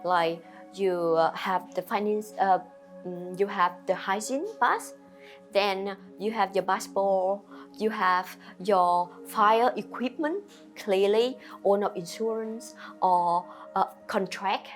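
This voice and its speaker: In an interview with faint music in the background, a woman from Vietnam who runs a restaurant replies in halting, simple English. Her Vietnamese accent is clear, she uses many fillers, and her medium-pitched voice stays steady in tone.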